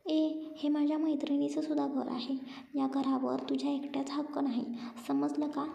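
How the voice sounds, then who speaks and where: A woman's voice: high voice, flat delivery, moderate pace, vocal fry, warm tone. A woman doing a snappy quarrelsome young woman. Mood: angry. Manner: snappy, indignant. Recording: roomy, muffled lo-fi recording.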